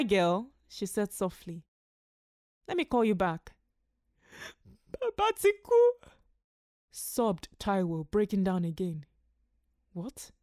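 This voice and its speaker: A woman reading a literary short story aloud in a measured, expressive narrating voice. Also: medium pitch, no room sound, clean studio sound. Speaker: story reader.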